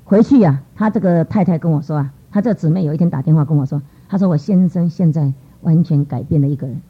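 A husky-voiced church woman gives a fast, lively testimony, jumping her pitch to act out the little voices of the people she quotes. The recording is dull, muffled and lo-fi.

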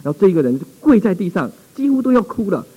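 Fast-talking husky male preacher. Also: high voice, very animated, lo-fi sound. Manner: dramatic, exclamatory storytelling. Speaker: pastor. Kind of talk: sermon testimony storytelling.

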